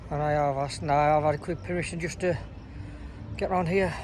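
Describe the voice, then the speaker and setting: A man's voice: a little high, steady tone, a little fast, darkish tone. A man chatting casually to camera in a travel vlog, rambling with lots of fillers. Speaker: vlogger. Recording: faint background noise.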